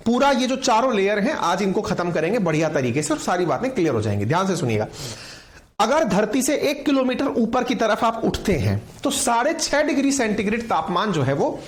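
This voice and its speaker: A man teaching a lecture to online viewers. He talks in a lively way and keeps asking his listeners questions. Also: high-pitched, brisk. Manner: lively, asks viewers questions, calls them companions. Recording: roomy echo.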